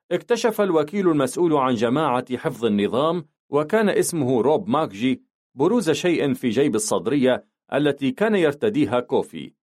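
A man narrating a novel for an audiobook in a mid-pitched voice. His delivery is steady and measured. He shifts his tone slightly when quoting other characters.

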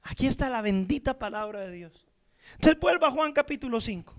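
Male pastor, very high voice with grit, emphatic sermon delivery full of rhetorical questions. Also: animated, brisk. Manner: emphatic preaching with rhetorical questions, addressing listeners as brother.

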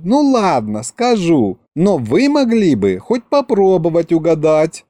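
Male reader doing a high, swooping, excitable young vampire girl, dreamy storybook figure. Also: dry recording, clean studio sound, exaggerated voice. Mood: gushing. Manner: sighing, drawn-out, breathless gushing. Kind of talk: audiobook character reading.

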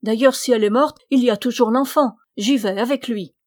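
Woman reader playing an older mother, emotional and fearless, fast and loud, storybook. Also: fairly high pitch, steady tone, no echo, studio quality, close to an everyday voice. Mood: determined. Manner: breathless, emotional.

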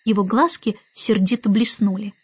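A woman narrating a children's audiobook in an even, expressive storytelling voice. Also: mid-range voice, normal speed, slightly rough, dry recording, dull audio. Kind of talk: scripted narration.

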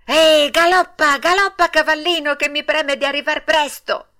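A woman's voice: mid-range voice, unhurried, fairly bright tone, close to an everyday voice. A woman voicing a wooden puppet boy in an audiobook, wailing and pleading through sobs. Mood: eager. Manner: sobbing, wailing pleas. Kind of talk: audiobook character voice.

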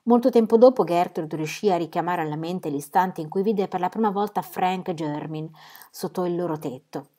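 A woman reading a novel aloud, in measured and expressive audiobook narration. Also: fairly low pitch. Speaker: reader.

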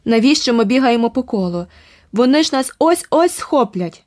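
A woman's voice: a little high, expressive, moderate pace, darkish tone, voice pushed up, natural voice. A woman voicing a fretful, breathless runaway boy in an audiobook, urgent and worried. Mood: anxious. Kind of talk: audiobook character voice.

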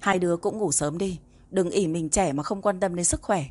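A woman's voice: fairly low pitch, normal speed, lightly acted. A woman narrator voicing a caring middle-aged housekeeper who fusses over the young ones in an audiobook. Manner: gentle, fussing.

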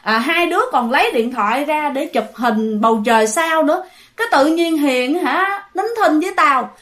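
A woman's voice: high voice, moderate pace, fairly bright tone. A woman voicing a young man who protests that he did nothing wrong. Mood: defensive. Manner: pleading, protesting. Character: young man, defensive, bewildered friend.

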